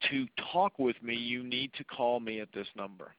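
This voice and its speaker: A man who is a podcast guest, telling a story in a casual chat as a dramatic storyteller with deadpan menace, on a dull lo-fi recording. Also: medium pitch, moderate pace, noisy background.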